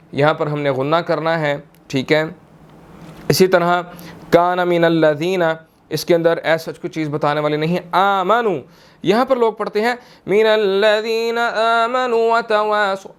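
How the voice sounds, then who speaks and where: A young man with a Pakistani Urdu accent teaches Quran recitation, patiently explaining and repeating words slowly to model their pronunciation, with slow melodic recitation between explanations. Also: sits high. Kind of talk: tajweed lesson, explaining and demonstrating.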